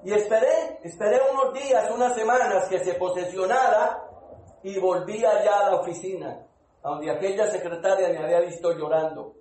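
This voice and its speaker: A man preaching a testimony sermon, emphatic, slowing down to stress his points and calling out to the congregation. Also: sits high, darkish tone, echoey room, low-quality recording. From Colombia. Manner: calls out to congregation.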